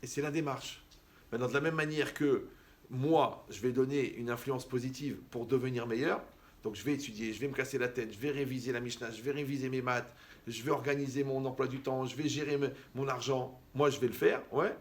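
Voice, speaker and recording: A man giving a lively, conversational sermon as a rabbi, who acts out the people he quotes. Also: medium pitch, fairly quick. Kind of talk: animated sermon.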